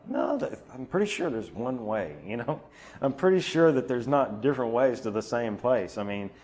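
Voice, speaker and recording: A man preaching an informal sermon in a church, talking in halting bursts full of restarts and fillers. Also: medium pitch, expressive, a little mellow.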